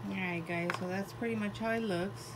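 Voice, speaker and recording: Talking fairly quickly in a mid-range, fairly even voice, a young mom and toy vlogger shows off a new toy in her bedroom. She's chatty, walks through every piece and joins in her daughter's play. The phone recording picks up a lot of household noise.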